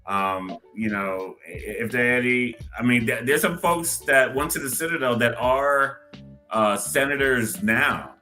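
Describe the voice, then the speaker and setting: A man speaking as a guest on a podcast, talking in a measured way with many fillers. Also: mid-range voice, faint music behind. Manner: measured, with many fillers and a sharp-edged timbre. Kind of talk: casual interview talk.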